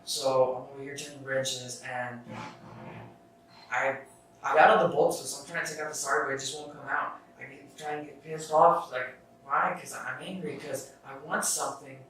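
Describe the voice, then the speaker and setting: A man's voice: medium pitch, fairly even intonation, normal speed, fairly bright tone. Rambling young man, echoey and distant. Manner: rambling, restarts, swears casually. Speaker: podcast host. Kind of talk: casual self-help chat. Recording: echoey room, far from the mic, faint noise.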